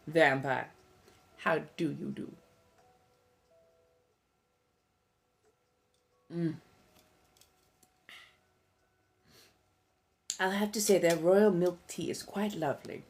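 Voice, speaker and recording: A woman hosting a tarot livestream stays in character as an ancient vampire empress and witch, her lowish, slightly mellow voice carrying a gracious mood. Coy and theatrical, she affects a posh British accent and savors every endearment she offers the viewers.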